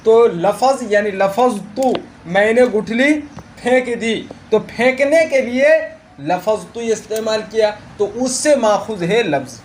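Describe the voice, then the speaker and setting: A man teaching a religious grammar lesson. He talks slowly, repeats the key terms and keeps asking his students questions. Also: high voice, animated, slight background noise. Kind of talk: classroom lesson on Arabic grammar.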